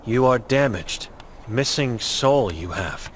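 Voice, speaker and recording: A man's voice: medium pitch, expressive, takes it slowly, slight background noise. A man voicing an old blind mute woman in a game, grim and guilt-ridden, speaking in terse, broken phrases.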